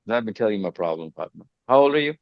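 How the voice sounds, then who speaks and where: A man leading a video call meeting, coaching his team in an emphatic, animated way and calling people "buddy". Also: fairly low pitch, racing, creaky, no echo, muffled recording. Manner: emphatic, calls people buddy, repeats words.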